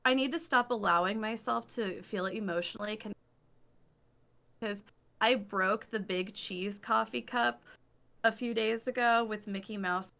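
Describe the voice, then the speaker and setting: A woman's voice: mid-range voice, a little slow, vocal fry, a bit bright. A woman streamer chatting casually and rambling with many "like" fillers, her microphone cutting out so her volume jumps up and down. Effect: microphone cutting out, uneven volume.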